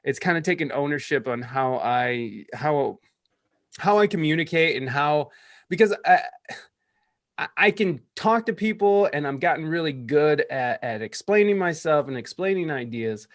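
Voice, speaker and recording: A man in his thirties, a podcaster who is a guest on a call, talking in a rambling, energetic way with stammered restarts. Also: fairly high pitch, normal speed, no echo, studio quality. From California. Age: 30s. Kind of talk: casual interview chat. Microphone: podcast microphone.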